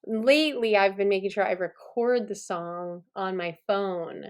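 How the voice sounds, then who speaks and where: A middle-aged woman teaching songwriting in a relaxed, chatty way, encouraging and laughing at herself. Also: medium pitch, unhurried, clean tone. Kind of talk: relaxed instructional talk to camera.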